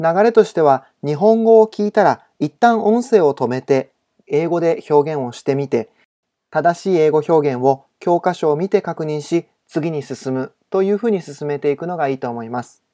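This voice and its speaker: A man teaching English in a recorded home-study lesson, giving polite instructions and reading example sentences slowly and carefully. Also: fairly high pitch, dark tone.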